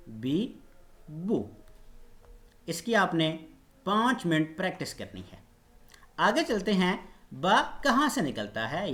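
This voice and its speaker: A man leads a Quran pronunciation lesson in a slow, unhurried delivery. His pitch moves a lot as he demonstrates each sound, patient and careful with every syllable. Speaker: Quran recitation teacher.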